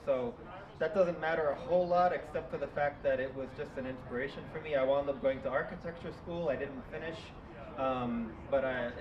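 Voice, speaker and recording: A man from New York City giving a casual live talk, loose and self-deprecating, leaning on his notes. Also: medium pitch. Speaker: guest speaker. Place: live event venue. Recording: dull, distant, echoey, noisy hall.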